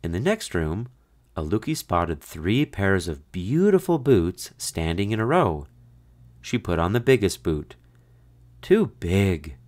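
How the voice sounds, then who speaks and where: A man reading a children's picture book aloud, expressive and unhurried. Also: deep voice. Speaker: narrator. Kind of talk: storybook read-aloud.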